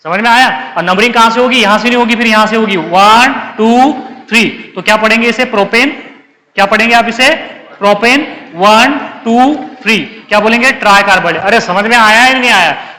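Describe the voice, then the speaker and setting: A man's voice: high-pitched, a little fast, sharp tone, in a large hall, rough recording. A male chemistry teacher giving a live class lecture, coaxing his students and checking again and again whether they understood. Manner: calls students 'beta', coaxing.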